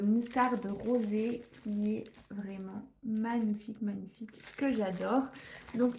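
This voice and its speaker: Chatty French woman, mellow voice. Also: a little high, slight background noise. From northern France. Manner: chatty, hesitant, many fillers and restarts. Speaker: scrapbooking YouTuber. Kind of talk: casual haul video.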